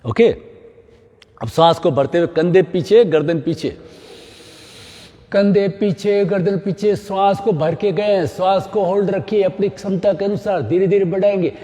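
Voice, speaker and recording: A man's voice: high voice, moderate pace, warm tone, big-room sound. A middle-aged man leading a yoga class, giving step-by-step instructions and often checking in with "है ना?". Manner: mixes English phrases into Hindi, frequent "है ना?" check-ins.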